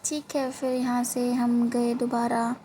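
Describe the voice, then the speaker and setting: A woman's voice: fairly high pitch, very noisy. Woman narrating gameplay, self-mocking. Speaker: gaming creator. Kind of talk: casual gameplay commentary. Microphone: phone.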